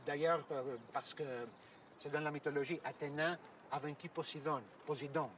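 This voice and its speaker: An actor playing a courteous, explanatory Orthodox priest who guides visitors outdoors, hesitating now and then with fillers. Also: male voice, on the high side, fairly even intonation, moderate pace, a bit bright, far from the mic, a little hiss or hum, natural voice. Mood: calm. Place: outdoors at an ancient site.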